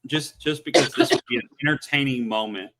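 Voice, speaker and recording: Man, podcast co-host, bright forward tone, relaxed storytelling, casual chat. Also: medium pitch, fairly quick.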